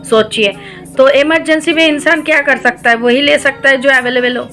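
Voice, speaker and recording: A woman vlogger telling her viewers a personal story, slowly and hesitantly, with many pauses, filler sounds and English words mixed in. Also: high-pitched, fairly even intonation, fairly bright tone, soft background music. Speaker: devotional vlogger.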